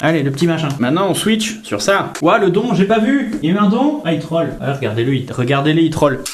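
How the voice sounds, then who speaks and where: A man's voice: fairly high pitch, big pitch swings, fast talker. A man in his twenties chatting casually on a live stream while he shaves, reacting to his chat. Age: 20s. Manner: chatty, reading chat aloud while shaving. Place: bathroom at home.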